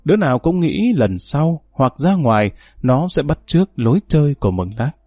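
A man narrating a story audiobook in a steady, even storytelling manner. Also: a little high, normal speed, no echo, clean studio sound, faint music behind.

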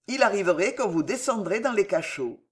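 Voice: medium pitch, lively intonation, fairly quick, slightly rough. A reader voicing a blunt male jailer who gives brusque warnings to a prisoner, in a French audiobook. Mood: stern. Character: curt, stern male jailer.

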